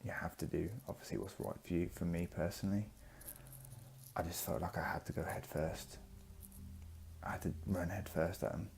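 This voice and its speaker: A man giving a reflective, personal vlog monologue, speaking earnestly in short, halting phrases. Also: sits low, steady tone, vocal fry, a little mellow, a little hiss or hum. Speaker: vlogger. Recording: music behind the voice.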